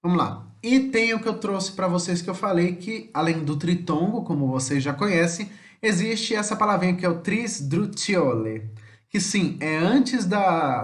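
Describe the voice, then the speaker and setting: A man with a Brazilian Portuguese accent teaching a homeschool language lesson in a chatty way, full of tag questions, sounding out example words slowly. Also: sits high, reverberant. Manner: chatty, many tag questions, slow deliberate word examples.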